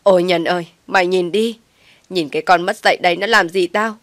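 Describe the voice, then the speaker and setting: A woman voicing a bitter, bossy old mother-in-law who scolds and wails loudly. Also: fairly low pitch, steady tone, fairly quick, no room sound, lightly acted. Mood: wailing. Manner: scolding, wailing.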